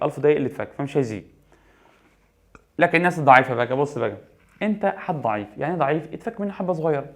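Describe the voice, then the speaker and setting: A man's voice: medium pitch, vocal fry. A man with an Egyptian Arabic accent giving a chemistry exam review, asking questions and answering them himself and repeating key points. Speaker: chemistry teacher.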